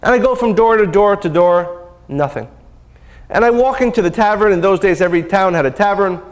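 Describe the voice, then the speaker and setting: Earnest, high-voiced male spiritual teacher. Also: fairly quick. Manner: earnest, repeats phrases for emphasis. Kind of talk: seminar lecture with storytelling. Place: lecture hall.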